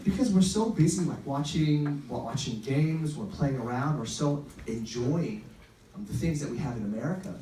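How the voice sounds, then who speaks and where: A man's voice: on the high side, lively intonation, normal speed, warm tone. A man preaching an informal, upbeat youth sermon as a pastor, telling stories in a conversational way. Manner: upbeat, conversational, acts out quoted lines. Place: echoey room, recorded at a distance. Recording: roomy, distant pickup with faint noise.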